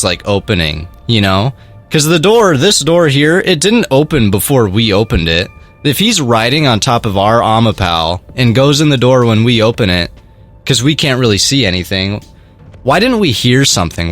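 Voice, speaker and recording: A young man co-hosting a let's play, chatting casually and jokily while he thinks through a mystery game, laughing often. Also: mid-range voice. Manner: animated, jokey, laughs often. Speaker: let's play co-host and editor. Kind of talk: casual gameplay chat.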